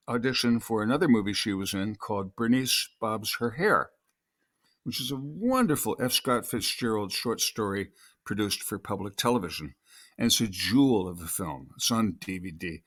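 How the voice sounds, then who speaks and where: A man's voice: lowish voice, fairly bright tone. An older man, an actor and podcast guest, telling long anecdotes in a casual interview with many restarts.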